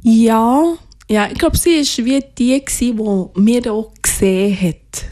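A woman from Ghana, as an interview guest, soft-spoken and hesitant, searching for her words. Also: a little high, lively intonation, measured pace. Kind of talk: reflective personal interview.

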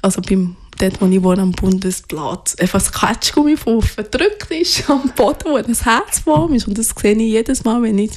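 A woman from Ghana, as an interview guest, soft-spoken and hesitant, searching for her words. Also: on the high side, moderate pace, hardly any pauses. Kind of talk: reflective personal interview.

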